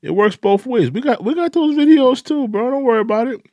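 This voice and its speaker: A man's voice: very high-pitched, animated, a little fast, mellow, dry recording. A man in his thirties hosting a reaction commentary, incredulous and repetitive as he speaks directly to the person he criticizes. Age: 30s. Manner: incredulous, repeats points, addresses his target directly. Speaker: commentary channel host.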